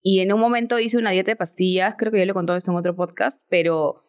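A woman's voice: mid-range voice, fairly even intonation, fast talker. A woman, a podcast guest telling a personal story in an earnest, reflective way. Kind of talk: casual chat.

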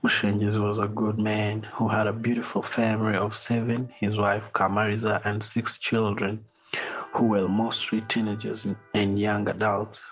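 A middle-aged Rwandan man reading a personal apology in a slow, solemn, measured way, heard over muffled video call audio. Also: fairly low pitch, monotone, soft background music. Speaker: interview guest.

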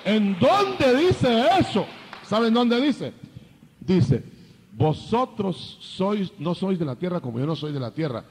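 An older man preaching a sermon, lively, acting out biblical dialogue in changing voices. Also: high-pitched, slow pace, slightly rough, long reverb tail.

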